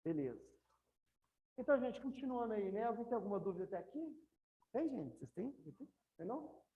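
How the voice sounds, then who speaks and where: A woman's voice: mid-range voice, big pitch swings, fairly quick. A woman with a Brazilian Portuguese accent teaching an English class in a classroom, chatty and often checking in with her students. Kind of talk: classroom lecture. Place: classroom, also streamed to students at home. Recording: dull lo-fi classroom recording.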